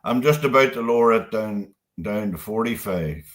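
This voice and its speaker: Co-host guy, lowish voice, easygoing, lots of short yeahs, casual live chat. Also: animated, normal speed.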